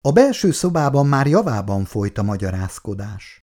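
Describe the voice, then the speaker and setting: A man reading a novel aloud in an expressive way. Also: lowish voice. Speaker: reader.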